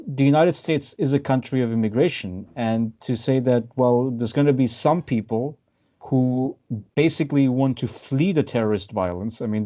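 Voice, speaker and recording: Halting man with a dark, dull voice. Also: medium pitch. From Austria. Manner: hesitant, many fillers and restarts. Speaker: podcast host. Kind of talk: casual political discussion. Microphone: video call. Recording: dull lo-fi video call audio.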